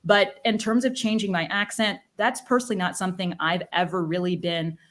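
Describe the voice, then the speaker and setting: Guesting on an interview podcast, a leadership coach talks fast in a voice on the low side. She keeps her emphasis flat and often tags "right?" onto the end of what she says.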